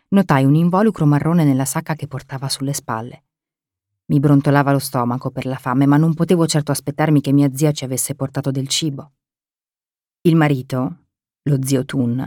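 A woman giving a calm, measured first-person audiobook narration, quiet and steady. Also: low voice, no room sound, studio quality.

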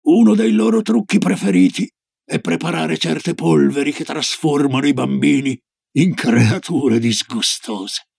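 Old Norwegian grandmother, read by a man: low, slow, ominous storyteller, gravelly and dry. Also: big pitch swings, darkish tone, no echo, exaggerated voice. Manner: slow, low, solemn warnings.

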